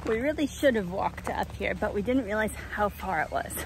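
A woman's voice: medium pitch, lively intonation, fairly quick, creaky, over loud music, rough recording. A middle-aged woman narrating a travel vlog in a chatty, upbeat way, explaining as she goes. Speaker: travel vlogger.

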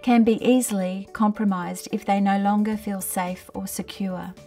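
A middle-aged woman occupational therapist speaks at a medium pitch in a calm, measured way. Her narration is scripted and clear, made for a training video. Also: far from the mic, soft background music. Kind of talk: scripted training narration and gentle client questioning. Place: small tiled bathroom in a home.

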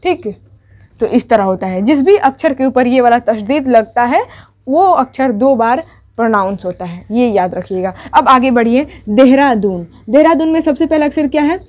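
High-voiced woman teaching Urdu writing. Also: animated, normal speed, a little mellow. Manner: patient, explains each step aloud, corrects herself mid-lesson. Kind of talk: step-by-step writing lesson.

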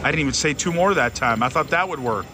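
A man giving casual, excited, theatrical commentary as he gambles, repeating phrases pleadingly and addressing his viewers. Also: mid-range voice, fast talker, background noise. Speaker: slot machine gambling vlogger. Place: busy casino floor at a slot machine. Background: slot machine music.

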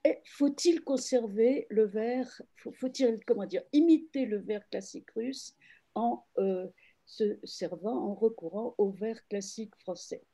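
A woman literary translator explaining her work in an online panel discussion, reflective and hesitant, with frequent pauses and restarts. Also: a little high, warm tone. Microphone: video call.

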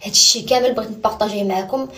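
A woman's voice: medium pitch, steady tone, racing, pushed and bright. A young woman with a Moroccan accent, chatting casually and confidingly to her followers on a phone at home, with a gossipy edge. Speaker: lifestyle vlogger.

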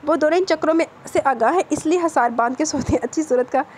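A woman voicing a playful, fast-talking young man who jokes with his family. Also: sits high, a little mellow, slight background noise, pitched above the performer's own voice, natural voice. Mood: joking.

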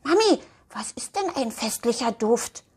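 A woman voicing Elfie, an eager little girl dressed as an angel, with high childlike squeals in a storybook reading. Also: big pitch swings, a little slow, vocal fry, a little mellow, slightly rough, full character voice.

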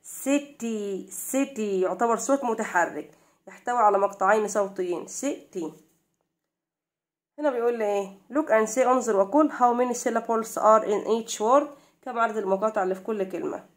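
With a slightly high voice, a young woman whose accent is Egyptian Arabic leads a primary-school English class. She reads slowly, translates, and keeps questioning the students.

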